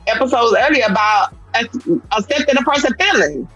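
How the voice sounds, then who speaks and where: A woman's voice: on the high side, animated, moderate pace, a bit bright, slightly rough, no echo. A woman co-hosting a casual podcast chat, playful and sarcastic, acting out the different ways she says her lines. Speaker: podcast co-host. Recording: dull lo-fi sound with faint music.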